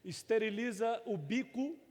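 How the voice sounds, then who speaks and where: A middle-aged Brazilian pastor preaches unhurriedly in an extremely high, slightly mellow voice. The sermon is folksy and conversational, with light humor and many tag questions. Recorded in a church sanctuary, it has long church reverb and a little hiss or hum.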